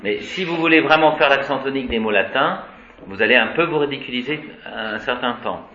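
A man's voice: mid-range voice, lively intonation, fairly quick, pushed and bright. A man teaching Latin to a class, reciting declensions in a sing-song and wandering into playful asides. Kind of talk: classroom lecture. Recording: dull, echoey room with faint noise.

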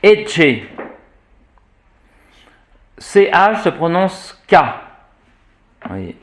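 A man's voice: medium pitch, lively intonation, slow pace. A man teaching church Latin pronunciation to a class, spelling out letters and repeating example words with frequent hesitations. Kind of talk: classroom lesson.

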